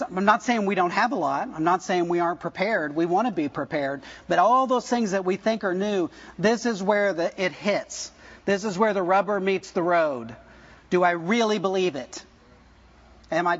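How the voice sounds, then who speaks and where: A pastor in his fifties preaches a sermon to his church in a casual, conversational way, cracking jokes and putting questions to the congregation. His voice sits high and a little bright, with the highs cut off.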